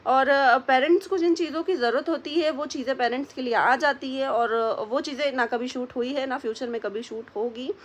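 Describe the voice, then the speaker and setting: A woman's voice: sits high, fairly quick, hardly any pauses. A young woman talking straight to camera in a casual vlog, chatty and direct, turning heated and emphatic as she answers critics. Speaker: vlogger.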